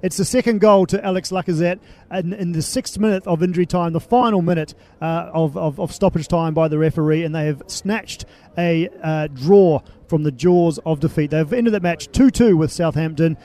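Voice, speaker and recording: A man co-presenting a radio sports show, reading scores and team news in a measured, announcer-like way. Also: fairly high pitch, dark tone.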